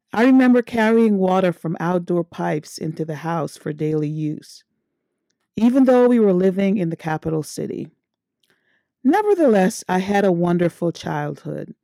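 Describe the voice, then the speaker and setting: A woman's voice: lowish voice, creaky, warm tone, dry recording. Earnest woman podcast host. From Guyana. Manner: measured, earnest storytelling. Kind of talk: scripted personal monologue.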